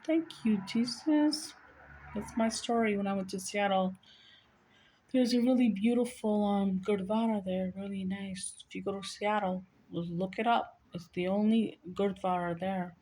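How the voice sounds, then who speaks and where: Woman vlogger, mid-pitched, earnest and rambling storyteller, faint background hiss. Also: fairly even intonation, normal speed, mellow. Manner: rambling, earnest, with frequent restarts. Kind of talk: casual spoken storytelling to viewers.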